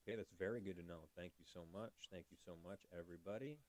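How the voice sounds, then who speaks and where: A man's voice: low voice, quick pace, a little mellow. A man hosting a casual livestream, chatty, thanking viewers by name and talking through fixing his audio. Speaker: livestream host.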